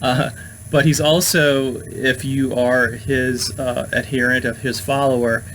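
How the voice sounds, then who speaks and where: A man's voice: mid-range voice, level tone, a little slow, a bit bright, slight background noise, poor audio. A man hosting a casual talk on the occult, meandering with many fillers and restarts. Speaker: host.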